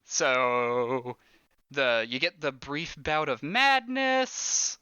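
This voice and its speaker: A man running a tabletop horror game as game master, animated, laughing and swearing casually. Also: mid-range voice, extremely slow, smooth, no echo, dull audio.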